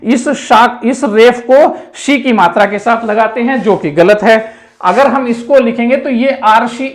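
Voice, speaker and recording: This Hindi grammar lesson for test-takers is led by a man whose voice is very high-pitched. He takes his time with explanations and echoes key terms while pointing to things.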